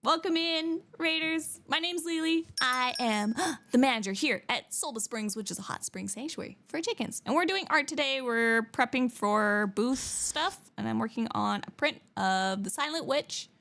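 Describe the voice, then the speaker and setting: Cute, excitable woman anime streamer. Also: high-pitched, normal speed. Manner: cute, excitable anime-streamer delivery when greeting viewers; chatty, bubbly, exclaims and gushes over viewers' art. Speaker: art livestreamer and host. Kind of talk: casual livestream chat while drawing.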